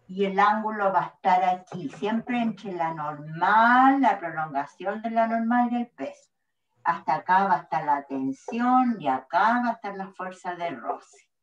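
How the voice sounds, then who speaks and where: A woman with a Chilean accent, teaching physics step by step to a class. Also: mid-range voice. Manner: patient, step-by-step explaining. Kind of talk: classroom lecture at the board. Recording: echoey room, distant mic, dull sound.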